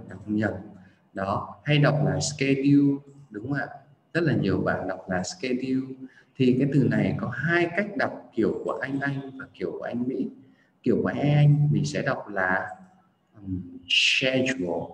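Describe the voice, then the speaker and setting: A man from Vietnam giving a chatty livestream pronunciation lesson, repeating words slowly to demonstrate the sounds. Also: medium pitch, echoey room, a little hiss or hum, low-quality recording. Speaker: English pronunciation teacher.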